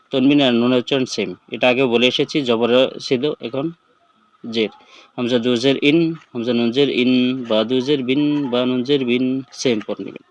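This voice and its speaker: A man teaching Quran reading in a slow, repetitive lesson, spelling out letters and vowel sounds one by one. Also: medium pitch, muffled recording. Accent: Bangladeshi Bengali. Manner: spells out letters and sounds slowly, repeating drills. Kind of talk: step-by-step recitation lesson.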